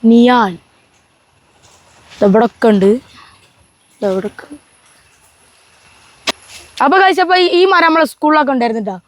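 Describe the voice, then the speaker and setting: Female travel vlogger, high voice, Kerala Malayali accent, Malayalam-English mix, casual and enthusiastic chat to camera. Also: expressive, moderate pace, pauses often. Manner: Malayalam mixed with English words; repeats enthusiastic filler phrases, addressing viewers. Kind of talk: casual vlog chat to viewers.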